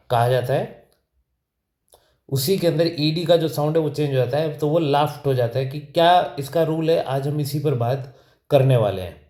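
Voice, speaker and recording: A man's voice: mid-range voice, a little mellow, roomy sound. A man teaching an English pronunciation lesson, often asking a question and then answering it himself. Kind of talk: spoken lesson.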